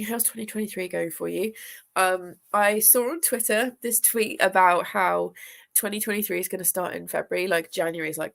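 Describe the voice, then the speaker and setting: Sniffly and congested from a chest infection, this young booktuber and teacher rambles casually through a live reading sprint, greeting viewers and filling her talk with fillers. Her fairly low voice has vocal fry and a slightly bright quality.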